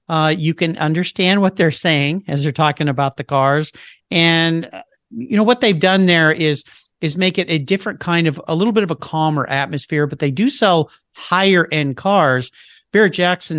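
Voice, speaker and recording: A man with a fairly high pitch and a fairly bright tone chats casually and enthusiastically in a radio interview, using plenty of fillers. He is a car show host and guest expert, and the recording is dry and studio quality.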